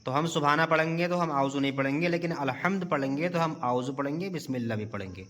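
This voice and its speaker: A man with a bright, slightly raised voice explains each step of prayer to a young pupil and keeps stopping to ask questions. He is patient and methodical, like a teacher checking that each child has understood. His voice rings out in a room with a long, trailing echo. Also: a little high. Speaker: madrasa teacher. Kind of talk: teaching children how to pray. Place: madrasa room. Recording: long reverb.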